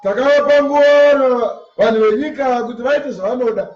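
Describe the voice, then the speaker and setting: Speaking at a moderate pace in a very high, slightly mellow voice, a Shona-accented Zimbabwean man preaches through scripture line by line. He stresses his points by repeating phrases. A distant mic records him in an echoey, muffled room.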